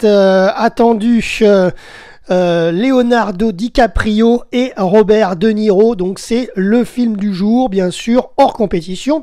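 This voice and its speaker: A man's voice: high-pitched, darkish tone, no echo, clean studio sound. A man hosting a radio podcast, reading out the day's festival programme with many fillers and restarts. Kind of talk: daily festival programme rundown.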